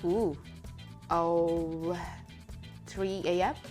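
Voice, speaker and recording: A woman's voice: on the low side, fairly even intonation, extremely slow, darkish tone, faint music behind. A woman talking as a podcast guest, chatty and laughing often, with many fillers. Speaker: podcast guest, business owner. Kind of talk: casual interview chat.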